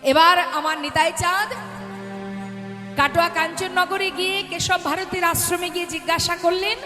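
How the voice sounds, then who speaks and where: A high-voiced woman delivering a devotional sermon, stopping to put questions to the listeners in front of her. Her voice rings through a large reverberant hall. Faint music plays underneath. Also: fairly even intonation, moderate pace. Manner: addresses and questions the audience, storytelling. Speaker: kirtan singer and preacher.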